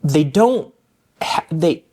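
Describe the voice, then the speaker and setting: A man's voice: fairly high pitch, expressive, slow, mellow, slightly rough. A man talking as a guest in a casual podcast chat, enthusiastic and often restarting his sentences. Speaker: guest food critic.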